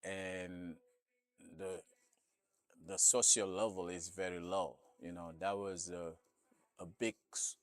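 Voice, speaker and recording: With a low, level voice, a Senegalese store owner speaks slowly and leaves long pauses in a casual interview, frequently saying "you know." He's from Senegal, West Africa, his first language isn't English, he has a Senegalese accent, and there's no room sound.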